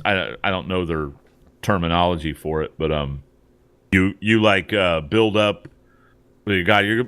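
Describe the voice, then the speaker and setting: A man's voice: low-pitched, fairly bright tone, clear, resonant tone, no echo. A man co-hosting a casual gaming podcast, talking in a loose, rambling way with casual swearing. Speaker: podcast co-host.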